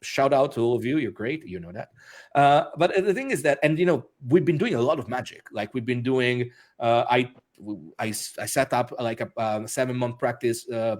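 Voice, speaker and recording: A man speaking as an interview guest, talking casually with many restarts and fillers and laughing often. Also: medium pitch. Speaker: interview guest, author and musician.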